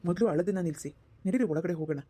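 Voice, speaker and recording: A woman's voice: lowish voice, very fast, mellow, breathy edge. A woman doing a kind young husband. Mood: reassuring. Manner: earnest, reassuring. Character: kind young husband, respectful son-in-law.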